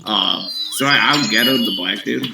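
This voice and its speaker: A man's voice: on the low side, normal speed, gravelly, a crowd in the background. A swearing young man telling stories from far off. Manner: profane, rambling anecdote-telling. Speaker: streamer chatting while gaming. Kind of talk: casual storytelling chat. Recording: roomy, distant, heavy background noise.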